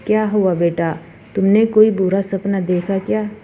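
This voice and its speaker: A woman voicing a worried, caring middle-aged mother in a spoken horror story, gently coaxing her grown daughter. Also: mid-range voice, steady tone, a little slow, slight background noise, lightly acted. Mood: concerned.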